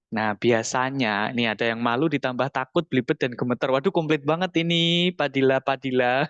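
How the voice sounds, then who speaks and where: A public speaking coach giving an online webinar lecture, explaining with examples, reading out audience comments and mixing in English terms. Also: male voice, on the high side, a bit bright, no room sound, muffled recording. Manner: sprinkles English terms into his talk.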